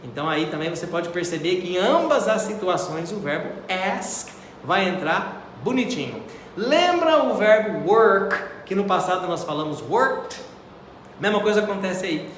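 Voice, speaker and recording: A man with a Brazilian Portuguese accent teaches a video English lesson in a chatty, encouraging way, slowing down to model each pronunciation. His voice sits fairly high. The room is echoey, with a long reverb tail and a faint hiss behind him. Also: fairly bright tone.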